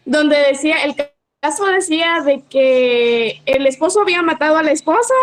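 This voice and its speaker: A female law student with a high voice asks her lecturer a question. She speaks hesitantly, restarting and correcting herself as she goes. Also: poor audio. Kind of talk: asking a question in class.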